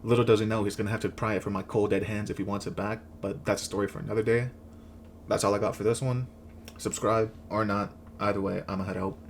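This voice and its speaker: Fast-talking man on a sarcastic comedy rant. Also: fairly low pitch, flat delivery, a little hiss or hum. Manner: sarcastic, crude, slangy joking. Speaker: host. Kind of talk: comedic rant recap of a video game, scripted narration.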